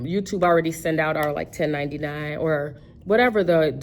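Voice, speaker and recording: Woman, 50s, low voice, casual rambling vlogger, faint background noise. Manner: rambling, self-correcting, many fillers. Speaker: personal finance vlogger. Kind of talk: casual budgeting chat.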